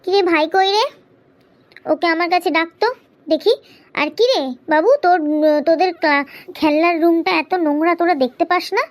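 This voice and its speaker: A woman voicing a strict, short-tempered mother in a cartoon, with a shrill, nagging way of talking. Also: fairly even intonation, normal speed, pauses often, dry recording. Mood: scolding. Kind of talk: cartoon dubbing.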